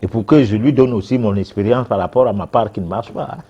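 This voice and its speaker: A man's voice: fairly low pitch, fairly quick, mellow, highs cut off, a little hiss or hum. A man, a guest expert on a TV talk show answering viewers' questions, hesitant with many fillers and restarts.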